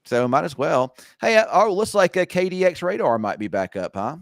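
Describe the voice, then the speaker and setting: A man's voice: on the high side, very animated, normal speed, gravelly, no echo, studio quality. A middle-aged man hosting a live weather show, rambling easygoing in a groggy morning voice. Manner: rambling, restarts and fillers, easygoing. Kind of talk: casual live weather chat. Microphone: video call screen share.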